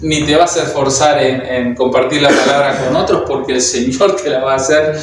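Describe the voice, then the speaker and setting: A Uruguayan man with a Uruguayan Spanish accent delivers a sermon to a congregation in a church hall, hesitant and full of fillers and restarts. His mid-range voice keeps fairly even intonation at a normal speed, heard from a distance in a very echoey hall.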